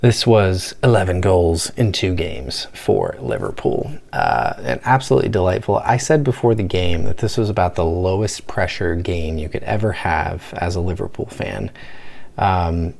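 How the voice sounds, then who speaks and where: A man talks through a football match reaction late at night at home, keeping his voice hushed and half-whispered. His voice sits fairly low with a gravelly, creaky edge. He rambles casually, full of "uh"s and restarts. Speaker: football fan channel host.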